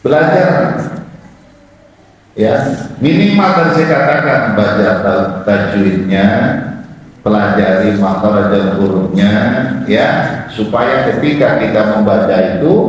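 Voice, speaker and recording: A man preaches to a mosque congregation, calling them "Pak" and asking them questions. His voice comes from far off the mic and rings around a very echoey hall with a long reverb. A faint hum of ambience sits behind him. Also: mid-range voice. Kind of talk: mosque sermon.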